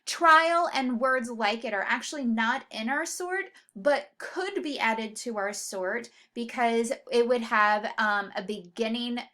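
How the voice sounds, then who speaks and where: Woman teacher, bright tone, slow measured delivery, stretches out example words for young spellers. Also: on the high side. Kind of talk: spelling lesson for students.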